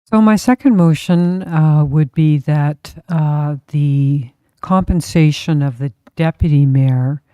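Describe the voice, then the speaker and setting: A woman councillor tabling motions in a measured way during a council meeting. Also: low voice, warm tone, dry recording, dull audio. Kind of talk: council debate.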